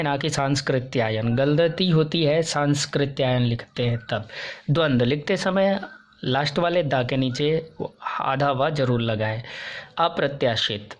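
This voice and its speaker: A male teacher from India going through correct and incorrect Hindi spellings for exam students, slowing down to stress each correct form. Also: medium pitch, muffled recording.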